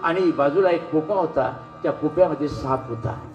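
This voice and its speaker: High-voiced dramatic kirtan preacher. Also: male voice, moderate pace, highs cut off, soft background music. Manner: dramatic, emotional storytelling. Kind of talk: devotional kirtan storytelling. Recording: roomy hall with faint instruments.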